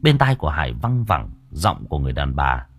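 A man narrating a horror story audiobook in an expressive, dramatic way. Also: a bass voice, a little fast, husky.

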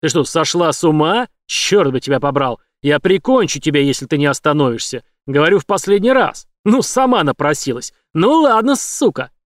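A man voicing a brutal, leering adult male villain who taunts and threatens loudly. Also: a little high, lively intonation, moderate pace, no echo, clean studio sound, close to an everyday voice. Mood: furious. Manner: taunting, menacing, loud.

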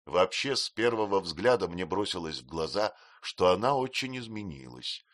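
A man narrating an audiobook with an expressive, animated reading. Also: sits low, normal speed, no room sound, studio quality.

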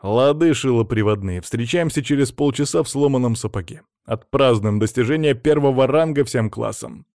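A man voicing a gruff adult male teacher who addresses his rowdy class in a curt, commanding way. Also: mid-range voice, normal speed, hardly any pauses, darkish tone, no echo, studio quality, natural voice.

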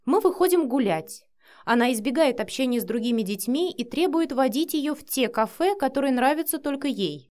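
A woman voicing a cautious middle-aged nanny in an audiobook, speaking in a measured, dry way. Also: high voice, lively intonation, a little mellow, voice pushed up. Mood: guarded. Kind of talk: audiobook character voice.

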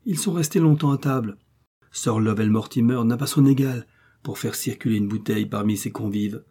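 Man voicing a timid, servile innkeeper for an audiobook; fretful and eager to please, mellow with a slight huskiness. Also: medium pitch, normal speed, slightly rough. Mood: deferential. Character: nervous, deferential male innkeeper.

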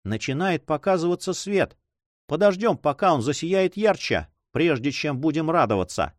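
A man's voice: fairly high pitch, sing-song, normal speed, no echo, studio quality, pitched above the performer's own voice. A man voicing an anxious, pleading noblewoman who runs an inn, in a raised voice in an audiobook. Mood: urgent. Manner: insistent, pleading.

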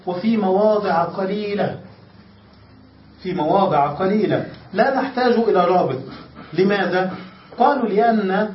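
This high-voiced man is a grammar teacher leading a lesson, breaking things down step by step, going over points again and often checking his students understand. A little hiss or hum comes through, captured by a distant lo-fi mic in an echoey room.

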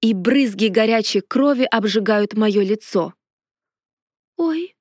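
A woman narrating a fantasy storybook in a lively first-person telling. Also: a little high, normal speed, dry recording, studio quality. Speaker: audiobook narrator.

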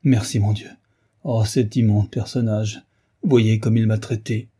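A man's voice: fairly low pitch, fairly even intonation, measured pace, mellow, husky. A man reading aloud as a distressed, betrayed wife, pleading and emotional. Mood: relieved.

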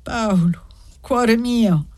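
A woman's voice: medium pitch, measured pace, darkish tone, no room sound. A woman reading the part of a desperate young servant woman who begs and pleads, in an audiobook.

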